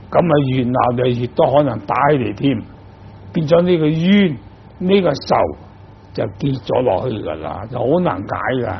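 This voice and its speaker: Older man from guangdong, monk preaching, gravelly, muffled lo-fi tape with faint hiss. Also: on the high side. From Guangdong, China. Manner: explains patiently with rhetorical questions. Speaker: Buddhist monk teaching dharma. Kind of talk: Buddhist sermon.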